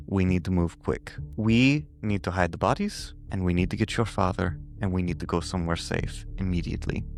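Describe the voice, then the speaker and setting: A man's voice: low-pitched, fairly quick, creaky. A man voicing a secretive middle-aged mother and former sleeper agent, speaking with a put-on Russian accent in clipped, cool commands. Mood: cold urgent.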